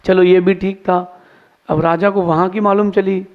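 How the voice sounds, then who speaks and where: A man's voice: high-pitched, little pitch movement, a little slow. A man, a monk preacher, giving a sermon in a folksy, moralizing storytelling manner. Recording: slightly dull lo-fi sound.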